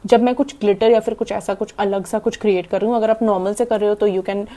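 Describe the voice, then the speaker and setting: Young Indian woman, makeup vlogger, mellow tone, quick chatty delivery with swallowed words. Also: mid-range voice, steady tone. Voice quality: talks fast and swallows half her words. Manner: chatty, demonstrating while applying makeup. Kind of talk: casual makeup tutorial, Hindi-English mix.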